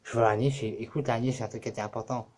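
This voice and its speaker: Man vlogging to camera, rambling, profane, lots of fillers, mid-pitched voice. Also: steady tone, very fast, darkish tone. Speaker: YouTuber. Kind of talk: casual talk to camera.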